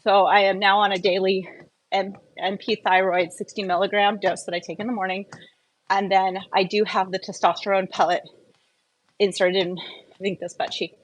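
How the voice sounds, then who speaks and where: A wellness vlogger talks casually and candidly in her personal vlog, her mid-range voice level and her pace normal. She's opinionated and tends to ramble off on tangents, and the recording quality is low.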